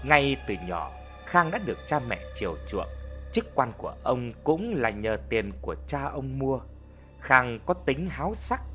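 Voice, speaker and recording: A man narrating a ghost story in an expressive, scripted storytelling way. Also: medium pitch. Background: faint background music.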